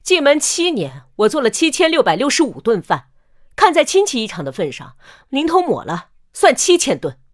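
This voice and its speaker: A woman's voice: sits high, sing-song, moderate pace. An actress playing a fed-up older mother-in-law standing up for herself, pointed and sardonic, in a melodramatic short drama.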